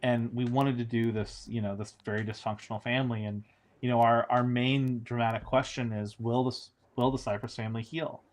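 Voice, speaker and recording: A man's voice: mid-range voice, level tone, fairly quick. A man, a showrunner, chatting casually in an interview, rambling with frequent restarts and fillers.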